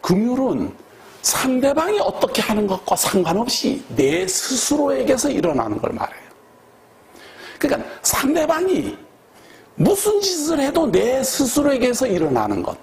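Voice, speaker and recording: A man's voice: extremely high pitch, wildly swooping pitch, normal speed, a little mellow. A man preaching a sermon as pastor, emphatic and conversational, repeating key words for stress and putting questions to the congregation.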